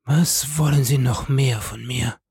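A man's voice: a little high, expressive, unhurried, warm tone, no room sound, clean studio sound, pitched above the performer's own voice. A man voicing a dying young woman. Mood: despairing. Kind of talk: audiobook reading.

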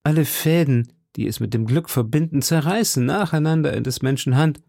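A man's voice: fairly high pitch, brisk, vocal fry, mellow, no echo, clean studio sound, voice pushed up. A man reading an audiobook, voicing a melodramatic, brooding young musketeer in a raised, solemn, theatrical voice. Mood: gloomy.

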